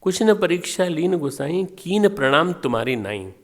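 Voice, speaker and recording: A man's voice: high-pitched, sing-song, normal speed, a bit bright, pitched above the performer's own voice, exaggerated voice. A man doing an insistent young goddess. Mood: evasive. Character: proud questioning young goddess wife.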